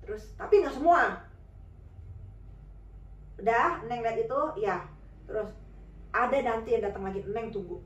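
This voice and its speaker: A woman's voice: fairly high pitch, a little fast, reverberant, distant mic, poor audio. A woman telling a personal story in a chatty, informal way, full of fillers and acted-out dialogue. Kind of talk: casual spoken storytelling.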